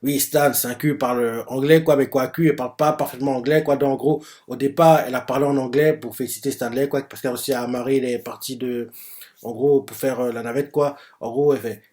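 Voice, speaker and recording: A man's voice: mid-range voice, steady tone, fast, darkish tone. A man hosting a live manga reaction stream, talking through each page as he reads it and thinking aloud, full of hesitations and filler words. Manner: hesitant, explains as he goes, filler-heavy with frequent "euh" and "en gros"; reads other people's lines aloud in his own voice, summarizing. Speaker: manga reaction channel host.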